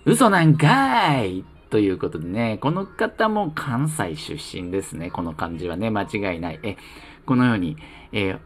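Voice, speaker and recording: A man's voice: deep voice, big pitch swings, normal speed, soft background music. A man from the Kanto region hosting his own solo talk show. He reads listener letters in a chatty, playful, self-mocking way. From Kanto region of Japan. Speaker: solo podcast host reading listener letters. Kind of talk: casual solo radio talk.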